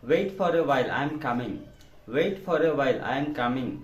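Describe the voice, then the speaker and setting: A man with a Telugu Indian accent teaching spoken English, saying each sentence quickly in Telugu and then repeating the English translation slowly and clearly. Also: mid-range voice, expressive, echoey room, lo-fi sound. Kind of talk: language lesson, reading sentences.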